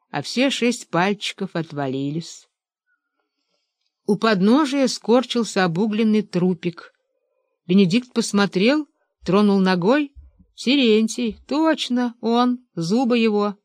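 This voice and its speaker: A woman's voice: on the low side, darkish tone, no room sound. Woman narrating a novel, dry close sound. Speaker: audiobook narrator. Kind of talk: scripted literary narration.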